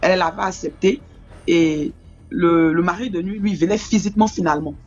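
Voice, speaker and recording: A woman's voice: on the low side, a little fast, darkish tone, lo-fi sound, faint music behind. A woman caller rambling through a personal dream story, full of fillers and restarts. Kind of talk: telling a personal dream story on a call-in show.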